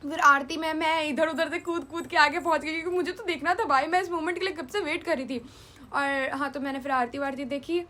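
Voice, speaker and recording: A young woman telling a travel story in a casual storytime vlog, chatty and animated, mixing in English words. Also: high-pitched, brisk. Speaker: vlogger.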